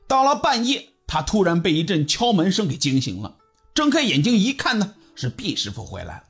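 A male storyteller narrates with a high, lively voice that rises and falls dramatically. He acts out the whole tale with energy. Soft music plays quietly beneath him. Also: a little fast, husky. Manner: animated and dramatic, voicing every character.

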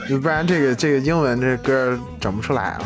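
A man's voice: medium pitch, fast, music in the background. A man co-hosting a podcast in casual chat. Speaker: podcast co-host.

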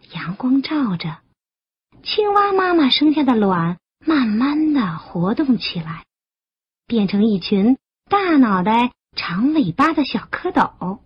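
A woman narrating a children's bedtime story in an animated, sing-song manner. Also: a little high, breathy edge, dull audio.

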